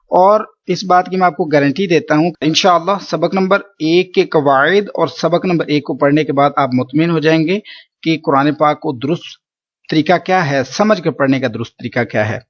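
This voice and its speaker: A man's voice: a little high, lo-fi sound. A man teaching Quran recitation rules in a patient, explanatory lesson, often repeating points to check understanding.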